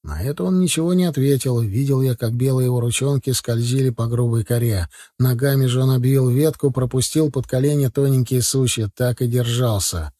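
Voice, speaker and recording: Husky, dark-voiced male audiobook reader. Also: medium pitch, brisk, few pauses, dry recording, clean studio sound. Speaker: audiobook narrator. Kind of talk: first-person audiobook narration.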